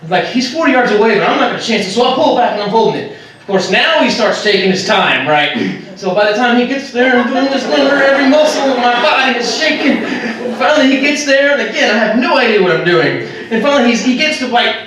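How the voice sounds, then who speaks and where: Animated self-mocking preacher in an echoey church. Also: male voice, extremely high pitch, fast. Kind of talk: storytelling sermon. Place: church sanctuary. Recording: echoey hall from far off.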